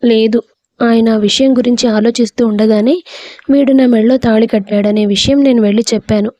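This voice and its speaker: A woman voicing a spirited, stubborn young bride in a storybook reading, sharp-tongued and earnest. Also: fairly high pitch, fairly even intonation, brisk, close to an everyday voice.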